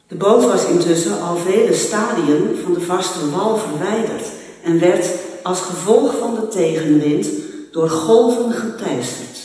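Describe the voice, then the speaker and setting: A man leading a church prayer and reading scripture aloud in a slow, measured, solemn way. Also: high voice, mellow. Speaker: worship leader reading scripture. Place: large church. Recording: echoey church hall, mic far off.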